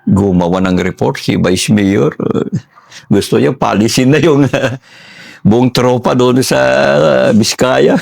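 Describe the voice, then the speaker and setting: Older guy w/ a gravelly voice, ex-soldier spinning a story, jumps into voices for the people he quotes. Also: medium pitch, takes it slowly. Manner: animated, acts out quoted dialogue in a raised voice. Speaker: former soldier guest. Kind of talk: casual storytelling interview.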